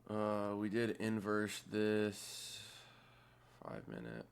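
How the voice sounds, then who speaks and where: Man, deep voice, very creaky, casual thinking-aloud commentary, offhand, muttered, sweary. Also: sing-song, slow pace. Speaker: trader narrating a chart replay.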